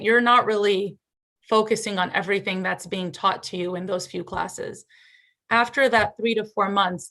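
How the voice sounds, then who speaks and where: Woman panelist, mid-pitched, earnest and filler-heavy; refugee aid volunteer. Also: a bit bright, low-quality recording. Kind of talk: panel talk.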